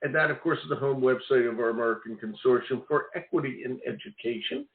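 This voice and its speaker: A man's voice: medium pitch, fast talker. An older man hosting a radio education talk show, chatting casually and rambling in a loose, friendly way. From Maine. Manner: chatty, rambling, laughs easily. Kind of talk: casual radio interview chat. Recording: tinny phone-line audio.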